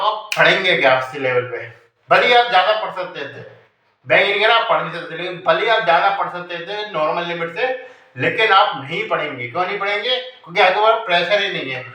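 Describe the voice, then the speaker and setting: Male medical lecturer, chatty and full of analogies; bright tone, mic at a distance. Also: sits high. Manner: explains with everyday analogies, asks rhetorical questions. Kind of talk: informal Hindi lecture. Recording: echoey room, voice far from mic.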